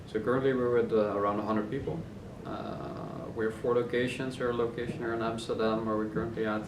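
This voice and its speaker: A man, a company co-founder, explaining his business in a relaxed interview with many fillers. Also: mid-range voice, fairly quick. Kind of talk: casual interview answers. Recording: roomy office, distant mic, noisy hum.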